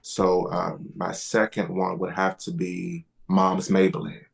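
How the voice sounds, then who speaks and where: Deep, gravelly-voiced man speaking haltingly. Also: monotone. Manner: hesitant, many fillers and restarts. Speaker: guest actor. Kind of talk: casual interview chat.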